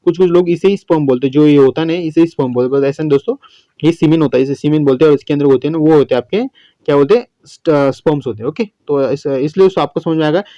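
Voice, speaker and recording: Man, biology tutor, chatty, restarts, slightly high voice, dry dull close mic. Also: mellow, no echo. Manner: chatty, repeats "okay" and "friends", many restarts; reads English questions slowly, word by word. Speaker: biology teacher. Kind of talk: exam-prep lesson, solving MCQs.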